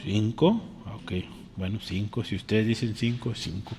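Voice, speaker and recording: A man's voice: fairly low pitch, expressive, normal speed, a little mellow. A man preaching an interactive sermon, often checking in with the congregation and calling them brother. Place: church. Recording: reverberant church hall.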